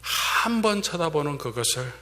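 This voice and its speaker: A male pastor preaching a sermon, swinging between fervent emphasis and hushed whispers. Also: a little high, big pitch swings, unhurried. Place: church sanctuary. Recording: long church-hall reverb.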